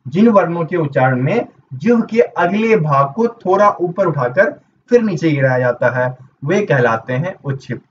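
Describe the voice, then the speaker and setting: A fairly high-voiced man teaches an exam-prep grammar lesson, posing questions and answering them himself as he works through each point. He sits some way from the microphone. The sound is a little dull, with a faint hiss behind him. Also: expressive, normal speed, hardly any pauses. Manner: explains step by step, asks and answers his own questions. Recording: dull distant mic with faint noise.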